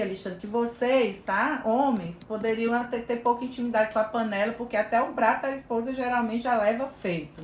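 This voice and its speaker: A woman's voice: on the high side, reverberant, a little hiss or hum. A Brazilian Portuguese-speaking woman giving an online training lecture, explaining in a chatty way and addressing listeners by name. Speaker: teacher trainer. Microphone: video call.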